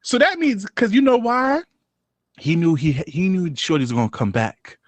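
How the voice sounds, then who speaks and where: A man co-hosting a casual podcast, talking in animated bursts that swing between loud outbursts and low mumbles. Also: moderate pace, dry recording. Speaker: podcast co-host.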